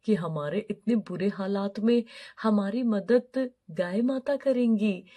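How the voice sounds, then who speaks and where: A woman's voice: mid-range voice, takes it slowly, mellow. A woman voicing a grateful poor milkman speaking to his wife in a cartoon story. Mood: relieved.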